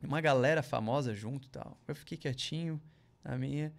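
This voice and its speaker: A man's voice: mid-range voice, moderate pace, creaky. A man, a podcast guest, telling a long casual story in a slangy, rambling way and acting out other people's lines in a raised voice. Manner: slangy, rambling storyteller full of "cara" and "velho" asides.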